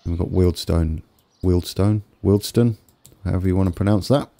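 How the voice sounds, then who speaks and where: A man's voice: sits low, fairly even intonation, rapid-fire, vocal fry, dark tone. A man with a wheezy, congested voice giving casual commentary on a game build, tentatively thinking aloud as he goes. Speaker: gaming video host.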